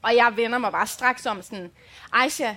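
A high-pitched woman co-hosts a live podcast, telling family stories in a chatty way. Her talk is loose and full of filler words. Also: fairly bright tone. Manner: chatty anecdotal storytelling with many fillers. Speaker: podcast co-host.

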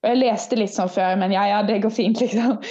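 A woman's voice: medium pitch, steady tone, dark tone. A young woman guest telling stories in a casual interview, acting out her own past remarks, heard over a video call from a student room. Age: young adult. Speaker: guest ultrarunner. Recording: dull lo-fi video call audio.

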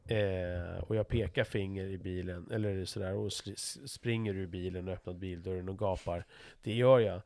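A man's voice: deep voice, fairly even intonation, few pauses, darkish tone, dry recording. A middle-aged man talking frankly in a casual conversation, swearing freely and restarting his sentences as he thinks aloud.

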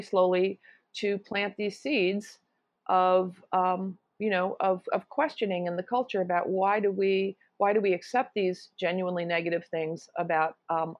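A woman's voice: lowish voice, dry recording. Lady in her 60s talking earnestly, kinda dull lo-fi sound, dry. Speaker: author and guest. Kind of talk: interview answers.

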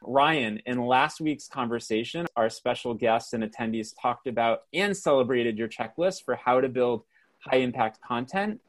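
A man in the host's seat of an online panel, reading introductions and questions in an even, measured, announcer-like voice. His pitch sits in an ordinary middle range, and he sounds like he is on a video call. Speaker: host and moderator. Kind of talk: scripted introductions and interview questions.

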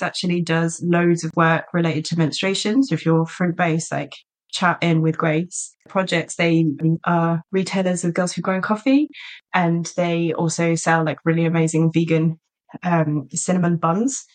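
A podcast co-host from a small market town in south-west England chats casually and eagerly, saying "like" a lot. Her voice is on the low side, flat and a little slow.

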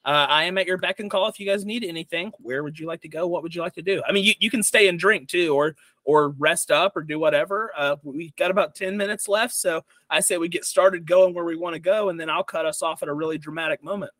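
High, bright-voiced young game master. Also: male voice, fast, few pauses, no room sound. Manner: joking, rambling, self-mocking. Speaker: dungeon master. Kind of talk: narrating a tabletop game.

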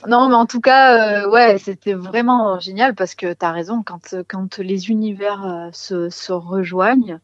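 A woman musician talks casually in an interview, often pausing to search for the right word. Her voice sits at an average pitch. The sound is very dry and a little dull. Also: steady tone, no echo. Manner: hesitant, searching for words.

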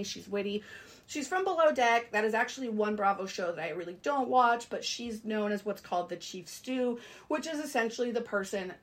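A woman in her thirties co-hosting a podcast, chatting about a reality show in an eager, aside-filled way. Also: medium pitch. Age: 30s. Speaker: podcast co-host. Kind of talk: casual TV recap chat.

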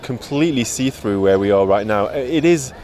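A man's voice: medium pitch, lively intonation, normal speed, darkish tone. A man hosting a travel show, describing places outdoors with enthusiastic, vivid narration. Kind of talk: travel presenting.

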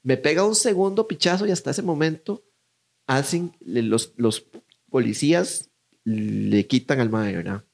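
A man's voice: medium pitch, measured pace, gravelly, a little mellow. A young man with a Costa Rican accent telling a story in casual chat, acting out voices as he goes.

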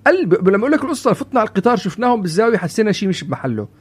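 A man co-hosting a casual parenting chat, telling stories in a lively way and dropping in English phrases. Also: sits high, rapid-fire, slightly rough. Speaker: podcast co-host, parent.

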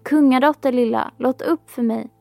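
A woman's voice: high-pitched, vocal fry, dark tone, no room sound, soft background music. A woman voicing a small, persistent male frog who keeps pleading and insisting. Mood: coaxing.

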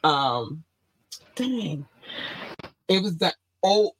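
A man's voice: high voice, drawn-out words, slight background noise, low-quality recording. A man hosting a casual interview, talking loosely with frequent laughs and swearing. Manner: excitable, swears freely, laughs often. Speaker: host.

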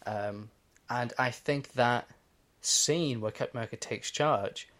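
A man's voice: mid-range voice, a little slow, fairly bright tone. A man co-hosting a podcast in casual chat, explaining his views at length with many "you know"s. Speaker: podcast co-host.

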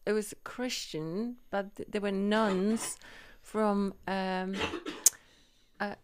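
A woman's voice: mid-range voice, fairly even intonation, extremely slow, slight background noise. A woman co-hosting a podcast, chatting casually and hesitantly, often repeating her words. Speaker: podcast co-host. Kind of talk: casual chat.

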